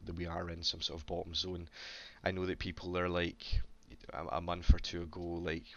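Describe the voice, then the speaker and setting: A man's voice: low-pitched, a bit bright, muffled recording. A man hosting a casual crypto Q&A, rambling with many stammered restarts and a slight cough. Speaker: crypto AMA host. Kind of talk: casual live Q&A chat.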